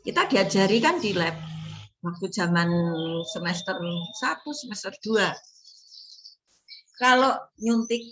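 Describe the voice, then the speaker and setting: A middle-aged woman, a nursing lecturer telling stories in a casual, animated class talk full of rhetorical questions. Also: medium pitch, low-quality recording. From Indonesia. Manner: chatty, animated storytelling with laughs and rhetorical questions.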